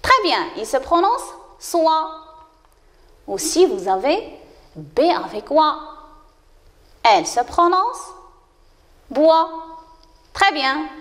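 A woman teaching a children's reading lesson, speaking slowly and clearly and praising her pupils often. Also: high voice, very animated, a bit bright, in a large hall. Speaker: primary school teacher.

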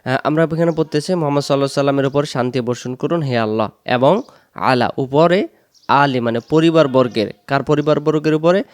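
A man with a Bangladeshi accent teaching religious pronunciation, explaining quickly and then chanting Arabic words slowly and drawn out. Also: on the high side, no room sound. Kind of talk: recitation lesson.

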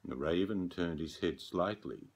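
A middle-aged man narrating a bedtime story gravely and dramatically, with long pauses. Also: low-pitched. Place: small dark room, candlelit, indoors.

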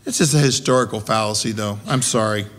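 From the pulpit of a small church with wooden walls, an older or middle-aged American man preaches quickly in a lowish, fairly bright voice. He poses rhetorical questions in a conversational, emphatic style, picked up by a gooseneck pulpit microphone.

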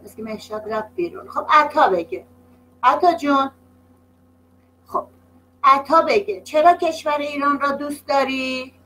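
A woman teacher leading an online class for young children, slow and patient, drawing words out and praising often, heard over a video call. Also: fairly high pitch, a bit bright, slight background noise, rough recording. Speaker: primary school teacher.

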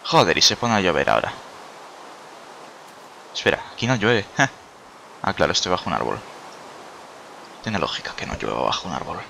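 A man's voice: low voice, very animated, normal speed, vocal fry, pauses often, sharp tone, slight background noise. A young man giving playful, swearing gameplay commentary, often dropping to a coaxing near-whisper. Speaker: gaming YouTuber.

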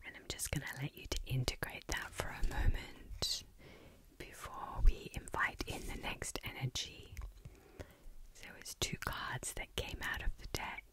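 A middle-aged woman whispering softly and breathily into a close microphone, giving a soothing, mystical fortune-teller style ASMR tarot reading with long pauses. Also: low-quality recording. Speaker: ASMR tarot reader and energy healer. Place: indoors, close in front of a hanging tapestry. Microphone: desktop condenser microphone, very close.

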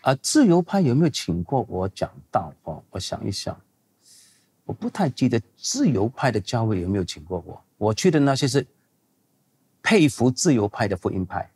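An older man with a husky, slightly breathy voice fields questions as a pastor. He wanders off on side points in a chatty way, then drives key lines home with emphasis. His pitch sits in the middle range. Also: big pitch swings, moderate pace, mellow. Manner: conversational, digressive, emphatic. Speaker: pastor and seminary teacher. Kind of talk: answering audience questions in a Q&A.

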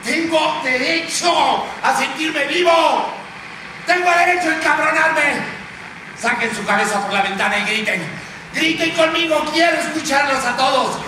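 Stage drama: an aging newsman in a ranting fury, high bright voice, distant and echoey in a big theater. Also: brisk, background noise. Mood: furious exhortation. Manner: impassioned ranting monologue, exhorting the audience. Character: veteran male TV news anchor, furious ranting prophet. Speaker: stage actor. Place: large theater stage, live performance.

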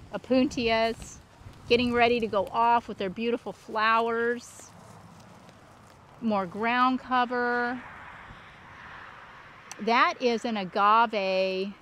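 A woman hosting a casual walk-through vlog, talking in an excited, gushing, exclamatory way. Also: a little high. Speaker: landscape designer hosting a plant tour. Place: outdoors at a plant nursery. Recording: outdoor ambient and vehicle noise.

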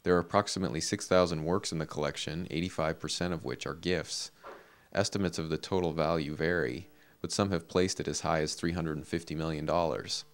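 A man reading a scripted local news report in a measured, even delivery. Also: extremely low pitch.

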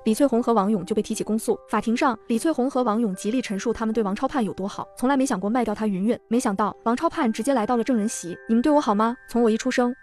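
A woman giving a brisk, scripted novel narration. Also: a little high, a little mellow. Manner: brisk storytelling. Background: faint background music.

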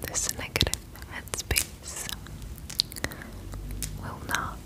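A young woman gives a whispered pep talk in an ASMR style. Her breathy whisper moves extremely slowly, close to the mic. She repeats short, soothing reassurances. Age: 20s. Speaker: ASMR host. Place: indoor room at home.

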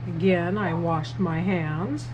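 Speaking slowly in a lowish voice, a woman narrates each step of a recipe while cooking at home and filming on a handheld phone. The recording has its highs cut off and some background noise. She's a chatty home cook vlogger giving a casual cooking demo.

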